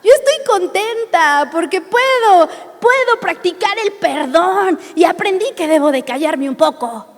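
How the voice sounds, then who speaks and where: Woman as a Mexican churchwoman, high, light, laughing, forgiving, in a reverberant hall. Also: lively intonation, a little slow, hardly any pauses, full character voice. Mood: cheerful. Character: cheerful forgiving churchwoman, adult.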